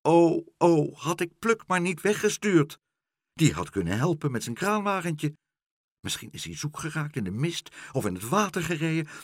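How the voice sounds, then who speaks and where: A man voicing an anxious, fussy and kind older gentleman in a storybook reading. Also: mid-range voice, wildly swooping pitch, moderate pace, husky, no echo, clean studio sound, exaggerated voice. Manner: worried, fretful.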